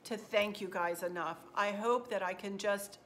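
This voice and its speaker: A woman, chatting warmly to viewers in a home vlog from her kitchen and often repeating words for emphasis. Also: medium pitch, steady tone, moderate pace, slight background noise. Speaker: vlogger.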